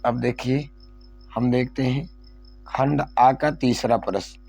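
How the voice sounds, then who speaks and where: A man's voice: mid-range voice, steady tone, slow pace, gravelly, darkish tone, slightly rough. A male teacher going over an exam syllabus, repeating key points and asking questions he then answers himself. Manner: repetitive, asks and answers own questions.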